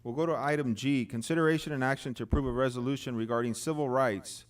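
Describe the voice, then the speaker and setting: A man with a mid-range voice chairs a public meeting as mayor. He reads agenda items and procedural motions in a measured, formal way. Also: medium pitch, fairly even intonation. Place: city hall commission meeting.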